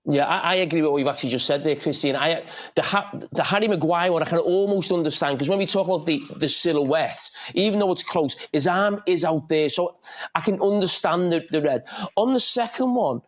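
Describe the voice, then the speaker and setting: High-voiced man arguing football calls. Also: a little fast. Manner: insistent, emphatic. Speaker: football pundit. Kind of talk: studio panel debate.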